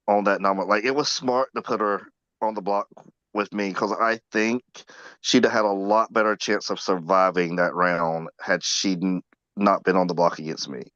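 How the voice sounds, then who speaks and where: A man chatting earnestly about a fellow player, rambling a little and speaking softly. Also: on the low side, no echo, muffled recording. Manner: soft-spoken, rambling and earnest. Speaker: former contestant. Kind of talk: casual podcast chat.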